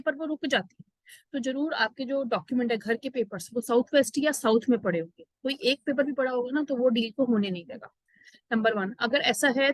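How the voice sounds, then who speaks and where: Middle-aged woman, instructional to camera, methodical, bright-ish pitch, dry sound. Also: no room sound, rough recording. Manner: explanatory, numbered steps, mixes in English phrases. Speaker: astrologer and numerologist giving vastu tips.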